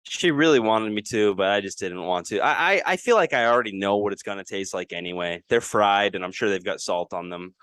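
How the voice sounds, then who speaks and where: A man's voice: lowish voice, a little fast, few pauses, fairly bright tone, smooth, no room sound. A man co-hosting a casual podcast, telling rambling stories with wry sarcasm. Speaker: podcast co-host. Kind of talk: casual chat.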